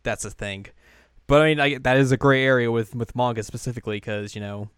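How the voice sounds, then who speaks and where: A man's voice: mid-range voice, fairly even intonation, a little fast, fairly bright tone, clean tone, dry recording. A young man hosting a podcast in casual chat, rambling with fillers and laughs, close to the mic. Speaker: podcast host.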